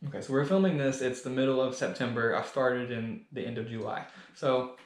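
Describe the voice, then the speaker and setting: A young man co-hosting a podcast in casual chat, with a mid-pitched voice. He sounds relaxed and conversational. The room around him is echoey. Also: a little fast. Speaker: podcast co-host.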